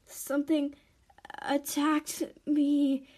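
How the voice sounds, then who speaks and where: A woman's voice: sits high, monotone, very slow, mellow, pitched above the performer's own voice. A woman voicing a timid, hesitant eleven-year-old girl lost in the woods.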